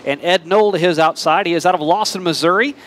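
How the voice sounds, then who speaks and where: An American motorsport commentator calls dirt track racing in fluent announcer patter packed with racing slang. His voice sits high, is a bit bright, and moves fast, over the noise of an outdoor racetrack with engines roaring behind.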